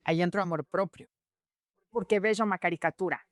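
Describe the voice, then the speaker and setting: A woman's voice: on the low side, fast, dry recording, studio quality. A woman teaching about personality types in a podcast conversation, explaining patiently and illustrating points with real cases. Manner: explanatory, tells cases with acted quotes. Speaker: Enneagram teacher.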